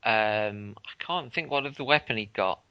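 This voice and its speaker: A man's voice: on the low side, normal speed, clear, resonant tone, dull audio. A man co-hosting a podcast, recalling a game in casual chat with lots of ums and restarts. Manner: hesitant, many ums and restarts. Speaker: podcast co-host.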